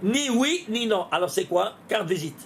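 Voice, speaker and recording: Lively gravelly-voiced rabbi teaching. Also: male voice, high-pitched, normal speed, a little hiss or hum. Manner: lively, questioning, talks straight to listeners, laughs often. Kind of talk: animated Torah lesson with gematria.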